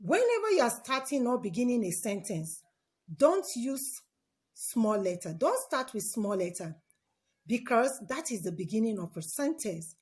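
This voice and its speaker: A woman's voice: fairly high pitch, sing-song, moderate pace, a little mellow. A woman teaching an online lesson for children, repeating key words and quizzing her young pupils as she goes. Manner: repeats key words and asks the class questions.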